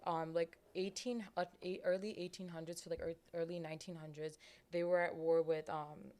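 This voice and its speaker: Young female co-host, lowish voice, earnest and chatty. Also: level tone, moderate pace, a little mellow. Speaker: podcast co-host. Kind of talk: casual podcast talk.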